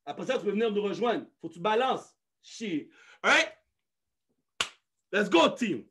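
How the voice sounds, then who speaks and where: A man's voice: high-pitched, expressive, measured pace, a bit bright, slightly rough. A man with a faded Quebec French accent leading a live motivational call, urging his team on, swearing and slipping into English. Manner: mixes English phrases, urging and pleading; swearing, emphatic. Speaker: network marketing leader.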